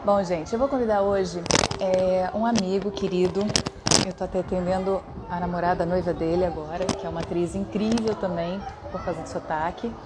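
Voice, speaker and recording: A Brazilian woman chats through a casual live stream, greeting her viewers by name in an easy, friendly way. She talks into a phone camera at home, and a lot of noise from children shouting and playing outside carries into the recording. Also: on the low side, fairly even intonation, a little fast. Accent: Brazilian Portuguese. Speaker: livestream host. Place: home above a noisy schoolyard. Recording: noisy background of children shouting.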